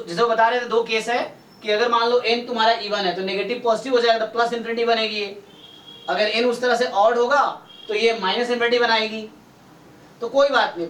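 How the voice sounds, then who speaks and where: In a doubt-clearing online class, a man with an extremely high, somewhat bright voice works through statistics and maths problems step by step, mixing Hindi and English and checking whether students keep up. A roomy, distant mic carries faint noise.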